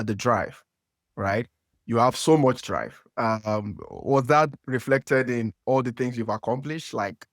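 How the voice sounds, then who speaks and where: A Nigerian man with a Nigerian accent hosts a conversational podcast interview, posing long questions packed with fillers and restarts. His voice is fairly low-pitched, recorded in clean studio sound without echo.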